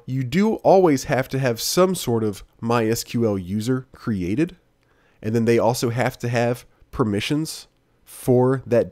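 Low-voiced man explaining a screencast tutorial. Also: no echo, studio quality. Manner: steady, explanatory, plain-spoken. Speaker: instructor.

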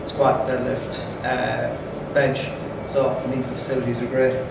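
A man in his forties with an Irish accent speaks plainly, pausing now and then to find his words. The room is very echoey. He is recorded from a distance over steady background noise. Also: mid-range voice, creaky. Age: 40s. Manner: hesitant, plain-spoken. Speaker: gym member, powerlifter. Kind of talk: casual testimonial. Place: indoor gym.

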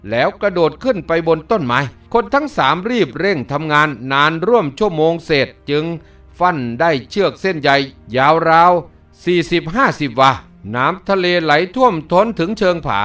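A man's voice: a little high, big pitch swings, normal speed, pushed and bright, recorded from a distance, soft background music. A man narrating a novel aloud as an audiobook reader.

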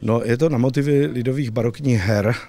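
A man in his thirties giving an on-camera interview in a halting way, searching for words, into a handheld microphone. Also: mid-range voice, mellow. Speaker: puppet theatre director being interviewed. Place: indoors, on a theatre stage.

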